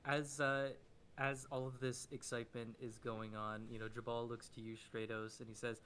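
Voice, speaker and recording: A man's voice: mid-range voice, level tone, moderate pace, a bit bright, slight background noise. Casual man running a tabletop game. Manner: casual, filler-laden narration. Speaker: game master.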